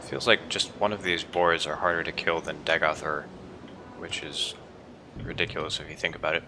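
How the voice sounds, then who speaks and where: A man's voice: very deep voice, steady tone, moderate pace, noisy background. A man casually commenting on a video game as he plays, making dry, wry remarks. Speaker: let's play gamer. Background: game music.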